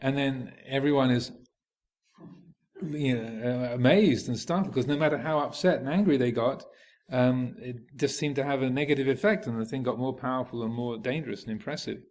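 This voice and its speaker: A male Buddhist monk giving a reflective teaching, unhurried and hesitant while telling a story. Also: mid-range voice, darkish tone.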